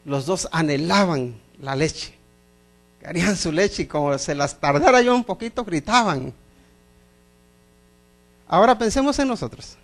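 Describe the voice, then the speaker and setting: A man's voice: fairly high pitch, lively intonation, unhurried, pauses often. A middle-aged man preaching a sermon as pastor, emphatic, repeating phrases and asking the congregation questions.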